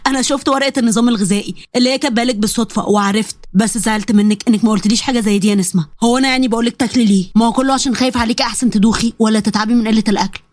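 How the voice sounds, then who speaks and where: A woman's voice: on the high side, very fast, hardly any pauses, darkish tone, dry recording, pitched below the performer's own voice, close to an everyday voice. A woman voicing a caring, teasing husband with an Egyptian accent in a told story. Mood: coaxing. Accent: Egyptian Arabic. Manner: coaxing.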